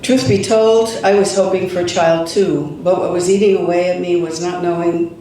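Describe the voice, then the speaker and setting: An adult reading a novel passage aloud at a literary event, in a measured first-person style, recorded from a distance in a large venue. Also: mid-range voice, fairly even intonation, warm tone, a little hiss or hum. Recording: echoey hall, distant mic, faint ambience.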